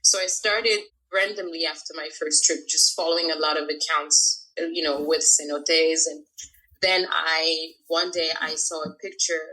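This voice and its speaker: Bright-voiced woman in her thirties, from France. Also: low voice, fairly even intonation, normal speed, low-quality recording. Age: 30s. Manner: chatty, laughs often, many fillers. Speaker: guest, freediver. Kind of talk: casual interview talk.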